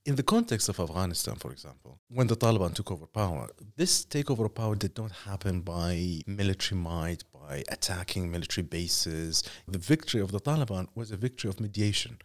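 A middle-aged man from Iraq speaks as an interview guest, his voice sitting low. He talks in measured, reflective sentences and works through lists of examples. He sometimes restarts a phrase before finishing it. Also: lively intonation. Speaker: journalist guest.

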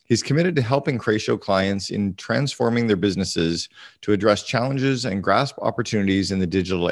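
Podcast host guy, lowish voice, chill upbeat questions. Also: creaky, dry recording, clean studio sound. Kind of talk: interview conversation.

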